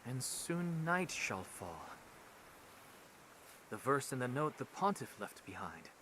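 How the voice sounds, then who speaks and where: An actor playing an earnest, urgent holy knight in a video game, speaking in a formal, dramatic way. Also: male voice, medium pitch, big pitch swings, slow, fairly bright tone, slight background noise. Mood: grave, formal. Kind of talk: scripted video game voice acting.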